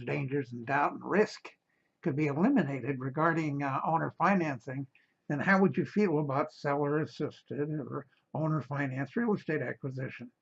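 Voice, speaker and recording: Gravelly man with a husky voice. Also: fairly high pitch, highs cut off. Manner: halting, many fillers and restarts. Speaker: real estate seminar speaker. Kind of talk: casual spoken invitation and pitch.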